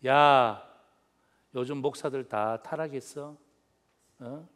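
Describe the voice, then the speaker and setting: A man voicing a scornful worldly man who mocks churchgoers and coaxes others to drink, in a lowered voice. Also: slow, a bit bright. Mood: scornful coaxing. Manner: coaxing, sneering, lowered voice. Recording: reverberant church hall, faint music.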